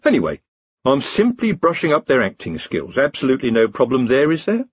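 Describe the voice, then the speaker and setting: A jittery, wry wizard from a comic fantasy audiobook, voiced by a male narrator, husky and talkative, his pitch jumping about as he talks his way around trouble. The sound is dry and slightly dull. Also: huge pitch swings, brisk, no room sound. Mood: nervous. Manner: chatty, evasive and wryly anxious. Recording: slightly dull, muffled recording.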